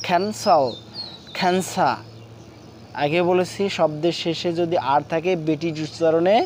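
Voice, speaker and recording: A man's voice: fairly high pitch, darkish tone, a little hiss or hum. Man drilling English pronunciation. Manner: drills words by repeating them rhythmically. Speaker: English teacher and course founder. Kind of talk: spoken English pronunciation lesson.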